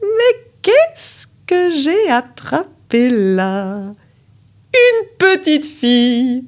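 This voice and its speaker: A woman voicing a cruel, gloating female sorceress who mocks slowly and cackles, in a children's storybook reading. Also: high-pitched, sing-song, pitched above the performer's own voice, heavily acted. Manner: cackling, slow and mocking.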